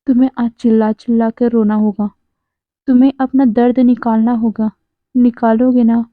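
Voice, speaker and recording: Woman voicing a calm, consoling young man. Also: on the high side, moderate pace, no room sound, lightly acted. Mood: soothing. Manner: soft, soothing, firm. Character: calm young man gently consoling his crying partner. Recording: tinny phone-like sound.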